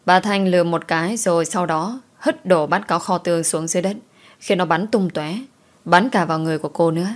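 Low-voiced woman narrating a story. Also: brisk.

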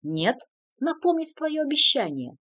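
A woman's voice: high voice, very animated, measured pace, fairly bright tone, no echo, voice pushed up, exaggerated voice. A woman voicing a firm, commanding noble mother, a sly countess.

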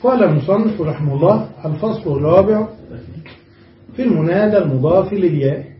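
A man giving a grammar lesson who explains step by step, slowing down to draw out each example word and stopping to check that his students follow. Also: high-pitched, animated, slight background noise. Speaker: teacher. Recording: echoey lo-fi recording from a distance.

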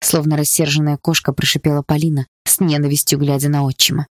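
A man narrating a dramatic audiobook in a measured voice. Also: a little high, flat delivery, no room sound, studio quality.

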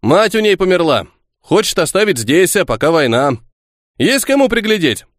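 A boastful young officer, cheerful and full of himself, as a male reader acts him out. The voice rides high and bouncy, recorded dry and close. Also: sing-song, normal speed, no echo. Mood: matter-of-fact. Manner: boastful, lording it over others.

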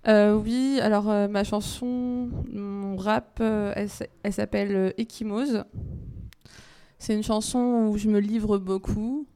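A woman guest rapper talking casually on air, hesitant with many pauses. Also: mid-range voice, fairly even intonation, dark tone, smooth.

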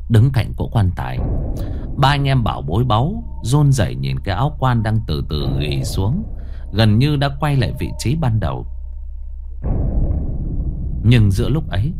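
A man's voice: fairly low pitch, big pitch swings, normal speed, pauses often, noisy background. Man narrating a ghost story dramatically. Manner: dramatic, swinging intonation. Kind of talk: scripted horror story narration.

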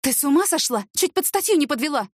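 A woman's voice: a little high, expressive, brisk, no echo, studio quality, voice pushed up. A woman voicing Klava, a frightened, fussy woman driver who exclaims in a shaky way. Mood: jittery.

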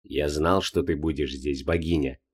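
A man voicing a blind old god of death who speaks flatly, curtly and with detachment. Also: a bass voice, normal speed, slightly rough, pitched below the performer's own voice. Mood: cold. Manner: flat, curt, detached.

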